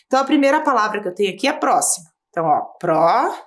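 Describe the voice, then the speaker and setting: Brazilian female teacher, patient explainer, animated and fairly high. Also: racing. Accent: Brazilian Portuguese. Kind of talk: video lesson for children.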